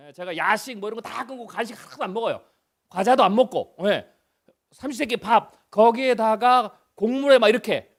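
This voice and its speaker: A man in his fifties preaching a revival sermon as a guest pastor, chatty and full of rhetorical questions, moving between loud emphasis and hushed lines. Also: high-pitched.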